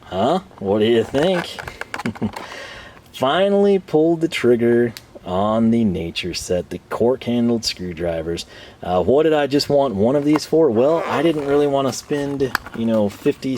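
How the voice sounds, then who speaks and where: A tool review channel host speaks in a medium-pitched, somewhat dark voice, with a faint hiss or hum in the background. His casual, unscripted product review rambles along conversationally with some self-deprecating remarks. He sounds tired, and his voice is starting to give out.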